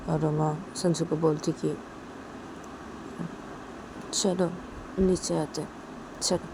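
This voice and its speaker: A woman's voice: sits low, background noise. A young woman narrating a love story in a plain, repetitive, casual way as a channel host. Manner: plain, repetitive, linking with "then".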